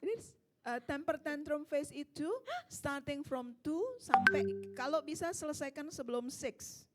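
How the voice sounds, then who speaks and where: Lively woman mixing English into her talk. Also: high voice, a little slow, soft background music. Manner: warm, emphatic, rhetorical questions. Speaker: parenting speaker answering audience questions. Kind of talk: casual seminar talk, mixing Indonesian and English.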